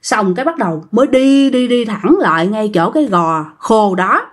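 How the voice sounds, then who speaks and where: Woman telling a ghost story, chatty, talks right to the listeners, high lively voice. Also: moderate pace. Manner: chatty, addresses listeners directly.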